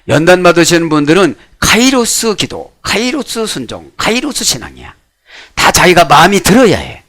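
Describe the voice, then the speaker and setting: A middle-aged male pastor delivers an expository sermon, fairly high-pitched for a man. His voice leaps up and down with lively intonation, bursting loud on key words and then dropping almost to a whisper, while he keeps tossing rhetorical questions at the congregation. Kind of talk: sermon with original-language Bible exposition.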